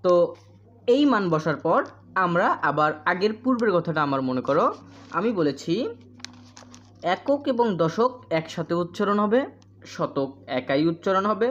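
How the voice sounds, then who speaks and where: A woman's voice: lowish voice, lively intonation. Woman teaching kids math, asks and answers her own questions, muffled lo-fi sound. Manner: repeats questions and answers, counts out place values slowly. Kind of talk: primary school math lesson. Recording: dull lo-fi sound.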